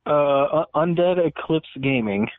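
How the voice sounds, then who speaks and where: A man's voice: on the high side, animated, a little slow, dry recording. A man phoning in as a guest, talking over a phone line in casual chat, hesitant and stammering. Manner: hesitant, stammers and repeats words. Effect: heard over a phone line.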